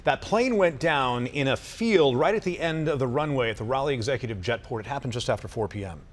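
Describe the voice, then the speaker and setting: A man's voice: mid-range voice, animated, a little fast. A man reading scripted television news as an anchor.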